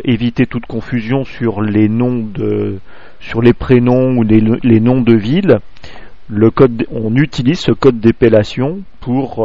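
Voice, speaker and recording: A man from France giving a spoken amateur radio lesson, halting, full of fillers and restarts, close to a clipping desk microphone. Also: mid-range voice, vocal fry, dry recording, lo-fi sound.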